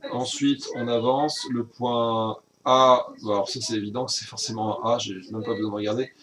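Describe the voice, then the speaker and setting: A man's voice: mid-range voice, little pitch movement, normal speed, fairly bright tone, slight background noise. A man teaching a recorded virtual class recap, explaining step by step with frequent hesitations and self-corrections.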